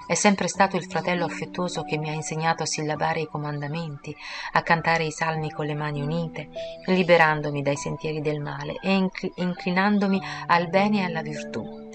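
A woman reading a sorrowful young woman, soft and low. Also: fairly even intonation, brisk. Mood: sad pleading. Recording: clear background music.

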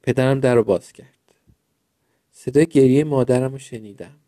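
A man narrates children's stories in a gentle, expressive reading voice. His tone is mellow and dark, recorded close in a dry room with no echo. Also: medium pitch. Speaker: storyteller.

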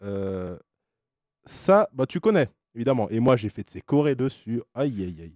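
A man's voice: medium pitch, very animated, normal speed, darkish tone, no echo. Playful young male host, teasing. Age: 20s. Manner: teasing, playful, laughing often. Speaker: radio host running a blind test. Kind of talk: casual chat.

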